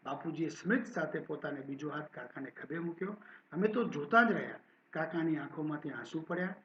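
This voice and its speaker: A male professor gives a lecture, reading a story aloud in a measured, expressive way with pauses and then explaining it. His voice sits a little high for a man. The recording is roomy and dull, with a faint hiss underneath. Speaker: college professor.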